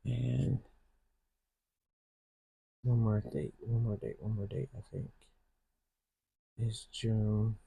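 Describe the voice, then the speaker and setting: Decorating her planner, this Michigan woman with a Southern accent chats in a slow, soft, rambling way, restarting her sentences as planner vloggers often do. Her low, rumbling voice holds a steady tone with some vocal fry, and a little background noise can be heard.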